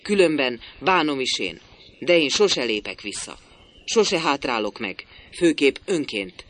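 A man reading a play aloud, voicing a stubborn, bitter middle-aged master builder who talks forcefully and in exclamations. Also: medium pitch, lively intonation, pitched above the performer's own voice, natural voice.

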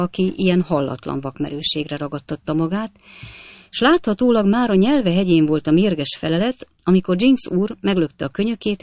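A woman narrating a classic novel in a measured storytelling delivery. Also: low voice, gravelly, darkish tone, no echo. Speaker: audiobook narrator. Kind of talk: scripted narration.

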